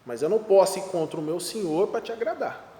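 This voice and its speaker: A Brazilian man with a notably high voice teaches a Sunday school Bible lesson. He leans hard on his points, repeats the key lines and keeps asking rhetorical questions. His voice rings around a roomy hall with a long, trailing reverb. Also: expressive, fast, dark tone. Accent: Brazilian Portuguese. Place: church classroom or hall.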